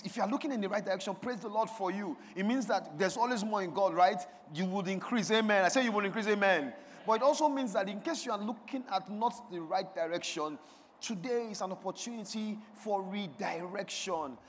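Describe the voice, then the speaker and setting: A male pastor with a notably high voice preaches to his congregation, calling out lines for them to repeat. He builds from quiet questions to loud, emphatic proclamations. His voice rings through the long reverb of a church sanctuary. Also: slight background noise. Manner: call-and-response preaching, swells to emphatic declarations. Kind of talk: sermon. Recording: long reverb of a large hall.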